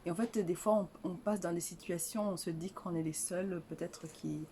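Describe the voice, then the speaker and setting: A woman's voice: fairly low pitch, steady tone, moderate pace, dark tone, slight background noise. An older woman from Rwanda, an author answering interview questions in a hesitant way, full of fillers and restarts. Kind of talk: casual interview.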